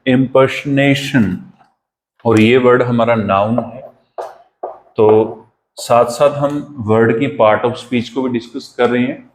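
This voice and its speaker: In a classroom-style lesson, a man with an Indian accent teaches English vocabulary, repeating each word slowly for pronunciation drills. His voice is medium-pitched, and the audio is poor.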